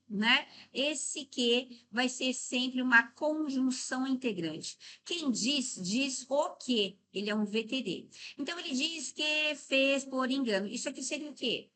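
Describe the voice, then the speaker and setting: A middle-aged Brazilian woman teaching a Portuguese grammar lesson for exam prep. She explains step by step, often checks in with the class, and slows down to stress words syllable by syllable. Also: fairly high pitch, pushed and bright.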